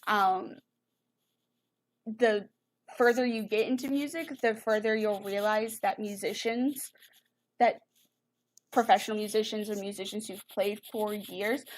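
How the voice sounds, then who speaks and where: A young woman teaching an online music lesson over a computer mic, explaining in a chatty way with fillers and self-corrections. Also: medium pitch.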